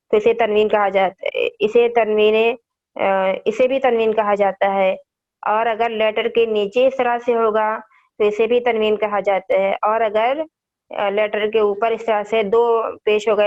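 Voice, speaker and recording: A woman's voice: a little high, a little mellow. A woman teaching young children how to read the Quran, patiently repeating each point and quizzing them, heard over a dull, lo-fi online call.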